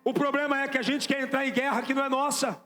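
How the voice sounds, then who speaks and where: A man's voice: very high-pitched, fairly even intonation, fast talker, a bit bright. A man with a Brazilian accent preaching an emphatic sermon, repeating his points and asking the congregation questions. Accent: Brazilian Portuguese. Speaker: apostle preaching. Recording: echoey church with background music.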